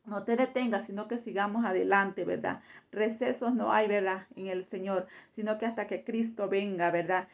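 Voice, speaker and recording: A woman's voice: medium pitch, fairly even intonation, moderate pace, vocal fry, few pauses. A woman preaching a sermon fervently in Spanish, filling her phrases with repeated tag questions. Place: church.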